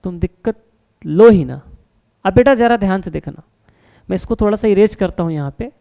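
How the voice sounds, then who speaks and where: At the board, a man with a smooth, clear, mellow, high voice teaches science with animation at a normal speed. He fires off questions and answers them himself, calls his students "beta" and "sir", and reassures them that nothing is hard, repeating "no problem".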